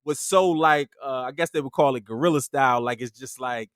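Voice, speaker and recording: A man's voice: mid-range voice, fairly quick, no echo. Laid-back podcast guy, dry close mic. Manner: laid-back, lots of "you know" and "yo". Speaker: podcast co-host. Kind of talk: casual chat.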